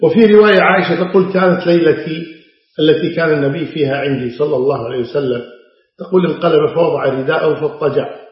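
Middle-aged guy giving a religious lecture, kinda high voice, super echoey muffled recording. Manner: narrates hadith then explains in colloquial Gulf Arabic asides. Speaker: Islamic scholar lecturing. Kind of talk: religious lecture retelling hadith.

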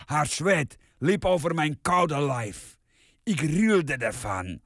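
A man playing a sick, grumpy, self-pitying man in a comic radio sketch, slow and sulky between coughs. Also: fairly high pitch, big pitch swings, creaky, fairly bright tone, no room sound, clean studio sound, full character voice. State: coughing, worn out with flu.

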